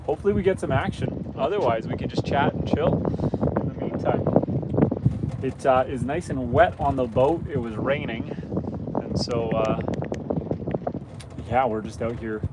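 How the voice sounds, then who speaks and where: Over wind and boat-motor noise, an outdoors channel host from Canada, an adult with young kids, casually chats with livestream viewers while fishing on a rainy lake from his boat. He's easygoing and greets people by name, though he's hoarse and losing his voice. His pitch is medium, his pace moderate, and he pauses often.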